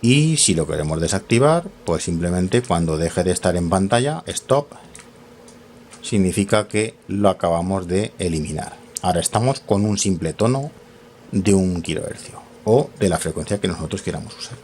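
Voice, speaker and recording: A man's voice: low-pitched, expressive, normal speed, a little mellow, slight background noise. A man demonstrating radio test equipment in a workshop, talking casually and thinking aloud, often correcting himself with fillers. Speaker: radio equipment tutorial host.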